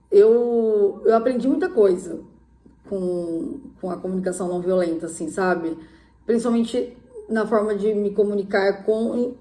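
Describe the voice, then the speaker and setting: A woman's voice: medium pitch, roomy sound. Chatty woman giving love advice. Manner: chatty, many fillers, warm advice tone. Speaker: relationship advice vlogger. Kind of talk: casual advice talk.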